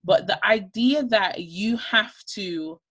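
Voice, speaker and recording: A British woman co-hosting a candid discussion podcast argues her case emphatically, laying out her points one at a time. Her medium-pitched voice is slow, a bit bright, and slightly rough.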